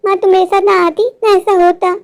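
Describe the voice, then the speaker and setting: Woman doing a young office girl, anxious, pleading, super high voice. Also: level tone, fairly quick, darkish tone. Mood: panicked. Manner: pleading and anxious, often near tears. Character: stubborn young woman, worried night-shift office worker. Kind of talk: storybook voice acting.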